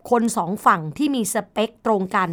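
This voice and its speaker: A woman co-hosting a podcast, explaining things in a casual chat with playful teasing. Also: moderate pace. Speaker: co-host of an education podcast.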